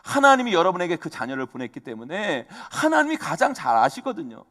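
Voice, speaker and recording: A middle-aged man preaching a sermon as pastor, animated, calling out to the congregation again and again. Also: high voice, a little fast. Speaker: senior pastor. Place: church sanctuary. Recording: long reverb of a church hall.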